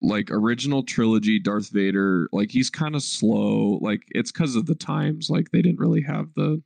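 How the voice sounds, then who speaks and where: A man's voice: fairly low pitch, normal speed, creaky, a little mellow, no echo. A young man co-hosting a podcast in casual chat, laid-back, swearing often and filling his talk with "like.". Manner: laid-back, swears a lot, heavy filler words. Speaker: podcast co-host.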